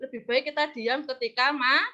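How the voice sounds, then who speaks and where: Coaxing and praising her class through a practice lesson, a woman often breaks off mid-word so the students can supply the rest. She has a high, steady voice with a bright, forceful tone at a moderate pace. The audio is muffled and lo-fi.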